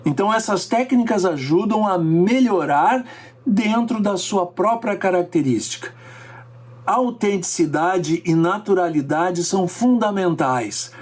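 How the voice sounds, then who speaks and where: Professor de oratória animado. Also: male voice, unhurried. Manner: lively, varies pace and pitch for emphasis. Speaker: speaking coach. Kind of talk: teaching lesson.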